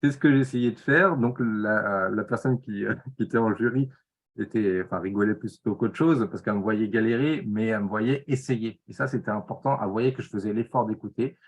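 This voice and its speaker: A man speaking casually in a tutoring session, sharing his own exam experience in a candid, self-deprecating way, often halting and restarting. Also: lowish voice, lo-fi sound. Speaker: former student sharing exam advice.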